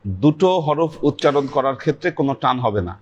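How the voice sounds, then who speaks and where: A man teaching a class on pronouncing Arabic letters, speaking slowly and patiently, drawing out each letter sound. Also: mid-range voice, lively intonation, darkish tone, husky, lo-fi sound. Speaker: Sufi teacher leading a weekly class.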